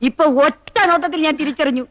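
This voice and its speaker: An actor playing an old, doting, slightly befuddled great-uncle in a film comedy. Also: male voice, very high-pitched, steady tone, quick pace, fairly bright tone, dry recording. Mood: delighted, proud. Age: older.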